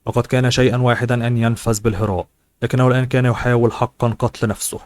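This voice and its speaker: A man narrating a serialized novel as an audiobook reader, brisk and even. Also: medium pitch. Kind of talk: novel reading.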